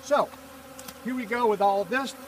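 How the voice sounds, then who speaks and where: A man calmly walking through a beehive check step by step, filmed outdoors on a farm from a few feet away. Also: high voice, normal speed, background noise. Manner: calm, explains step by step while working. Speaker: hobby beekeeper. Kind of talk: casual how-to narration. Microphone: camera a few feet away, speaker in a bee suit and veil. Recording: distant outdoor camera audio, buzzing bees.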